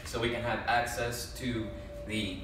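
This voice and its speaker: In an echoey repair shop garage with faint noise, a man who works as an auto mechanic explains, step by step and casually, what he's doing on a car. He speaks in a mid-range voice with a level tone at a measured pace.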